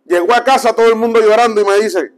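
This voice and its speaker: A young adult man, a preacher telling his testimony as a lively storyteller who acts out the dialogue. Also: fast. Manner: animated storyteller, acts out dialogue and drops low for quotes.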